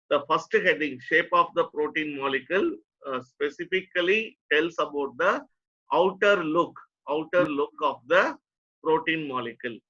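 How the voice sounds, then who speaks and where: A man with an Indian accent and a fairly high, pushed, bright voice teaches an online lecture to a nursing student, with the highs cut off in the recording. He goes step by step, frequently repeating phrases for emphasis.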